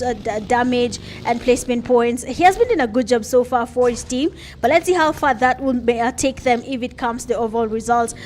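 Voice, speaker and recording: A young Kenyan woman with a high voice casts an esports match live, giving chatty play-by-play full of "uh" fillers and laughing at herself. There's slight background noise.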